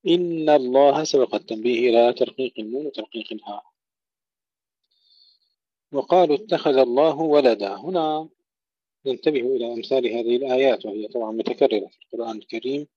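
A male Quran teacher with a dark, mellow voice explains recitation rules carefully, repeating each word to model its pronunciation. The recording is dull and muffled, with a dry, close sound. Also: medium pitch, rapid-fire, few pauses, no room sound. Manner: precise, demonstrates pronunciation by repeating words. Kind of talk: tajweed lesson explanation.

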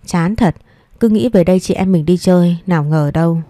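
A woman's voice: on the low side, brisk, mellow, dry recording, studio quality, close to an everyday voice. A woman voicing a kind, earnest young granddaughter in an audio story, speaking in a pleading way. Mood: glum.

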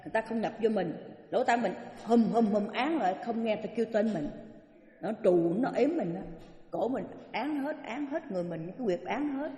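A Southern Vietnamese woman gives a Buddhist dharma talk in a fairly high voice, spinning anecdotes and throwing quick questions at the room. Her voice rings through a large hall with a long, echoing tail. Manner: lively storyteller, questions the audience. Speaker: Buddhist teacher. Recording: echoey hall with long reverb.

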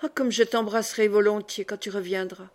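A woman reading the part of a naive young girl in love, pleading and lively by turns, in an audiobook. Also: medium pitch, fairly quick, lightly acted. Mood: playful.

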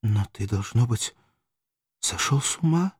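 A man's voice: medium pitch, lively intonation, unhurried, a little mellow, slightly rough, dry recording, clean studio sound. A man voicing a passionate, anxious young Roman noblewoman who questions her lover urgently. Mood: frightened.

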